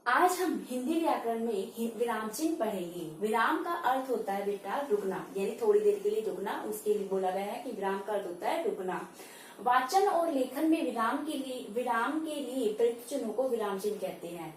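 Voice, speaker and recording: A woman's voice: a little high, animated, slight background noise. A woman teaching a Hindi grammar lesson, explaining patiently, repeating each point and calling her students "beta". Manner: says example words slowly, one at a time. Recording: echoey room, voice from far off.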